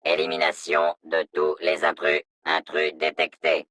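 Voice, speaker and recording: An actor voicing a stern male security robot in a video game, through a robotic voice filter, in a flat, monotone, announcement-like delivery. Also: unhurried, no room sound, studio quality. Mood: cold, commanding. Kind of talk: video game dub dialogue lines.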